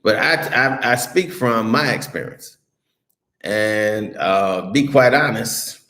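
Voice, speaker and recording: An American streamer reads viewer messages and replies bluntly, swearing freely and frequently starting over. His fairly low voice is slow, pushed and bright, recorded in a roomy, echoey space.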